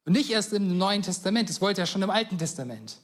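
A man's voice: high-pitched, animated, fast talker. A man preaching a casual sermon, telling stories with enthusiasm and acting out quotes in everyday speech.

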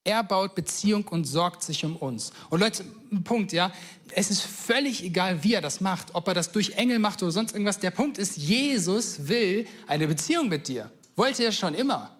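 A man's voice: high voice, animated, moderate pace, a bit bright. A man preaching a casual sermon, telling stories with enthusiasm and acting out quotes in everyday speech.

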